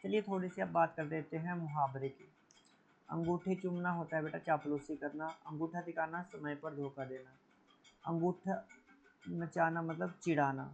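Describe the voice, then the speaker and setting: A man teaching an exam prep lesson, calling students "beta" and repeating each correction with a quick "theek hai". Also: fairly high pitch, gravelly. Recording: dull lo-fi recording.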